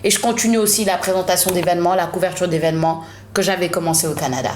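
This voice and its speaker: A woman's voice: fairly low pitch, steady tone, racing. A woman from Senegal in her thirties, a journalist and TV presenter, telling her story in a casual interview chat and slipping in English phrases. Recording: roomy studio sound.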